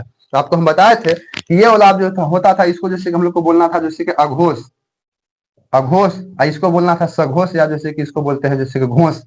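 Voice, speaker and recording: A man teaching Hindi grammar in an exam-prep lesson. He repeats each point, quizzes the viewers, draws out letter sounds in drills and keeps calling them his friends. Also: high voice. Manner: repetitive, quizzes viewers, frequent filler phrases and "my friend".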